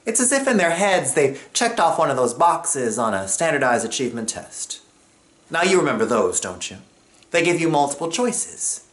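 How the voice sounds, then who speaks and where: On stage, a man from Jamaica tells a personal story, expressively acting out what other people say. His voice is on the high side, and he keeps a moderate pace.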